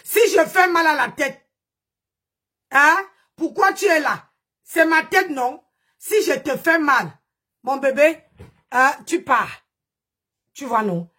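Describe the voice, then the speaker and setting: A woman's voice: sits high, animated, takes it slowly, long pauses, sharp tone. A woman, ranting mockingly during a live stream, scolding and exclaiming while nursing a strained voice. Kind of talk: live-stream gossip rant.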